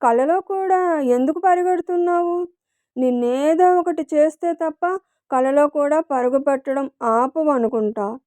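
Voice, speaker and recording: A woman's voice: high voice, normal speed, darkish tone, dry recording, natural voice. A woman reading as a brash, rude drunk young man. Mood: teasing. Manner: blunt, mocking.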